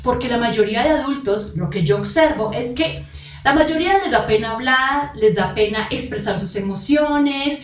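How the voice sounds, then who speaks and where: A woman's voice: a little high, normal speed. Earnest woman coaching parents. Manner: earnest, addresses parents directly and repeats points. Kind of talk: parenting advice podcast monologue. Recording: echoey room, distant mic.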